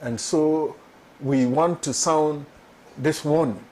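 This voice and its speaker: A man's voice: a little high, steady tone, slow pace, darkish tone, low-quality recording. Earnest Ghanaian man on a panel. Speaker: politician guest. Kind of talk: studio panel discussion.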